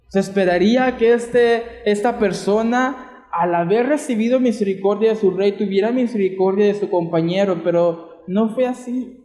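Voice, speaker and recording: High-voiced Mexican preacher, echoey church. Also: male voice, mellow. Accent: Mexican Spanish. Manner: preaching with rhetorical questions, retelling scripture in everyday terms. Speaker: pastor. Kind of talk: sermon.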